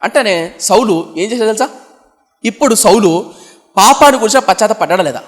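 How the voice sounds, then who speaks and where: A man with a high voice preaches an emphatic sermon. He keeps asking his listeners questions and answering them himself, repeating key phrases. His voice rings with the long reverb of a church hall. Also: expressive, a little fast. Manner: emphatic, repetitive preaching cadence.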